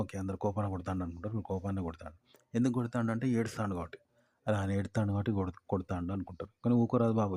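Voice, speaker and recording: Fast-talking man, dark voice. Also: on the low side, slightly rough. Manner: rambling, repeats points with everyday examples. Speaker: YouTube commentator. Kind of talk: casual explanatory monologue.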